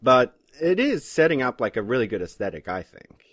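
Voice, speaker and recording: A man's voice: mid-range voice, fairly quick, no echo, clean studio sound. A man from Australia with a muddled Australian, British and American accent, chatting casually as a podcast co-host and laughing often. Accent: mixed Australian, British and American. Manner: laughing, animated, mimics characters. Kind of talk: casual chat.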